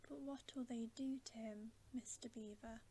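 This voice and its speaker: A woman's voice: on the high side, steady tone, unhurried, warm tone, a little hiss or hum. A woman whispering the part of an earnest, worried young girl who pleads, in a storybook reading. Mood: anxious.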